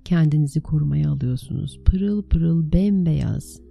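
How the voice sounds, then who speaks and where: A woman with a very dark, soft-edged voice and a creaky grain leads a guided meditation. She gives gentle, soothing instructions in short, unhurried phrases, with music playing behind her. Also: low-pitched. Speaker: meditation teacher leading a guided meditation.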